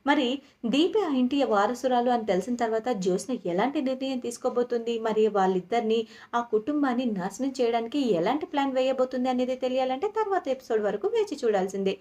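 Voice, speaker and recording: A woman narrating an episode recap of a serial, pausing often with filler sounds and restarts. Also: a little high, expressive, warm tone. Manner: frequent "ah" fillers and restarts, acting out quotes.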